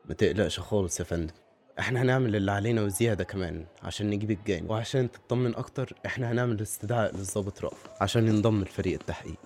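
Brief: man as confident cop, low, talks very fast. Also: close to an everyday voice. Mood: reassuring. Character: confident male police officer.

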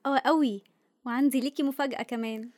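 An actress playing a lively, sardonic young Egyptian woman, a self-reliant photographer in a radio drama. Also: high-pitched, fast talker, no echo, lightly acted. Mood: affectionate.

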